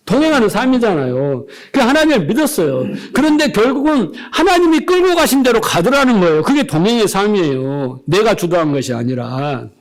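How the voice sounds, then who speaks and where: Male pastor preaching, high voice that swings all over, keeps asking the room stuff. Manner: emphatic, asks the congregation questions, acts out dialogue. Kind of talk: sermon.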